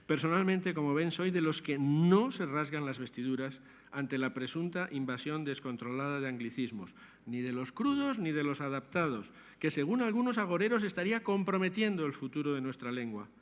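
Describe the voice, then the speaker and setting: An older man gives a measured, scholarly lecture, turning to the audience with asides. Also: on the high side, expressive. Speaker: lecturer on language. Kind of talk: academic lecture. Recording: long hall reverb.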